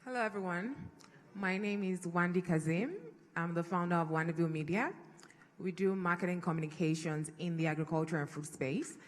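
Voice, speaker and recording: Very low-voiced woman panelist. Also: steady tone, a little fast. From Nigeria. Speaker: media founder, panelist. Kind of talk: conference panel self-introduction. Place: large conference hall. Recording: reverberant conference hall.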